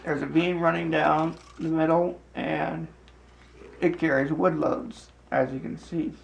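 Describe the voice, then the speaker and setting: A man with a slightly high, gravelly voice walks through a casual demonstration. His delivery is slow and deliberate, often broken into short halting phrases. Faint room noise sits behind him. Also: flat delivery, rough recording. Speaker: host demonstrating a hobby. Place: home basement, indoors. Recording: clear background noise, room ambience.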